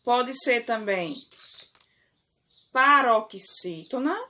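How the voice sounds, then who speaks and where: A woman teaching young children with a Brazilian Portuguese accent. Her voice sits a little high and she speaks slowly, stretching out key words. She keeps checking in with her pupils through short questions. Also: lively intonation, background noise. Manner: slow, deliberate, stretches key words, frequent "certo?" and "ok?". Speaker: primary school teacher. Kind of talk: remote classroom lesson.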